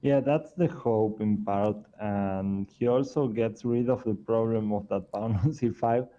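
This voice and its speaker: A man coaching a chess student over a video call. He talks in a relaxed way, chuckling between points, while his microphone crackles and cuts out. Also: lowish voice, unhurried. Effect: crackling mic that cuts out. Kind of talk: online private chess lesson. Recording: dull lo-fi call audio with crackle.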